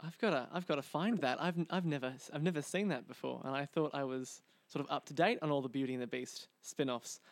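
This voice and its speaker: A man's voice: mid-range voice, brisk, few pauses, dry recording. A man interviewing a voice actress, asking long, eager questions like an enthusiastic fan.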